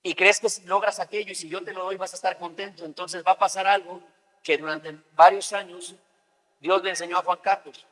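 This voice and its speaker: A man's voice: sits high, fairly even intonation, brisk, fairly bright tone. A man preaching a sermon as pastor, talking conversationally and acting out everyday scenes. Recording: long reverb of a large hall.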